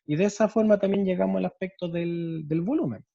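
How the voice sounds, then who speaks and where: With a dark, high-pitched voice touched by vocal fry, a Chilean-accented male special education teacher speaks a little fast while lecturing on storytelling. He keeps checking in with tag questions. The lo-fi recording has no room sound.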